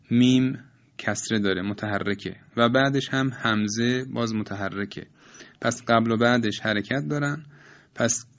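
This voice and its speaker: Calm man teaching recitation rules, slows right down to recite each example twice, kinda dull lo-fi sound. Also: medium pitch. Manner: calm, methodical, recites examples slowly and repeats them.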